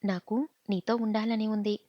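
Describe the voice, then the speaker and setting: Woman narrator voicing gentle young husband, soft pleading delivery, slightly muffled audio. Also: mid-range voice, level tone, normal speed, no room sound, close to an everyday voice. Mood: tender. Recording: dull, dry lo-fi recording.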